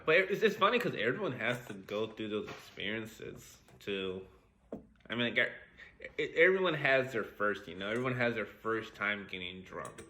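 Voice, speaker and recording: A young man co-hosts a podcast in loose, casual chat. His voice is bright and forward. He laughs easily and leans on slang. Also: lowish voice, slight background noise. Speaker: podcast co-host.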